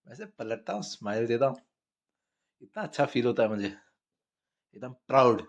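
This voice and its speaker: A man's voice: medium pitch, normal speed. A man from India telling crude comic stories in a blunt, profane, conversational way. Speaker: storyteller. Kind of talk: crude comedic monologue.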